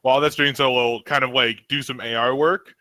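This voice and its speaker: Bright, tense-voiced man playing a tabletop game. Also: mid-range voice, fairly even intonation, fairly quick, dry recording. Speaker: player.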